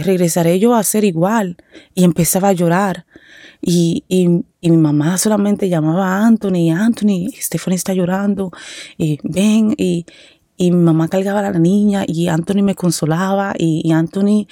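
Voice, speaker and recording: A woman's voice: fairly low pitch, warm tone, no room sound, studio quality. A young adult woman hosting a podcast, sharing a personal faith testimony in an earnest way and repeating phrases for emphasis. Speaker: podcast host.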